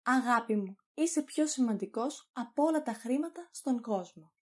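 A woman's voice: on the high side, lively intonation, breathy edge. A woman reading a falsely sweet, greedy wife. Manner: cooing, sugary.

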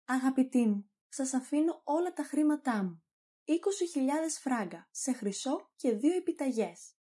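A woman's voice: high voice, lively intonation, warm tone, husky. A woman voicing an irritable older male hypochondriac who orders his household about. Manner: irritable, fussy, demanding.

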